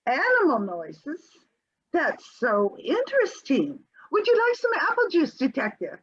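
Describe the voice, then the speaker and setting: In an amateur readers theater comic scene read over a video call, a woman voices a flighty, evasive middle-aged housewife who chatters airily and breezily, unconcerned. Her high, fairly bright voice swoops in huge pitch swings with a quavering, giggly edge, exaggerated and a little slow. The home video call mic makes the sound dull and lo-fi.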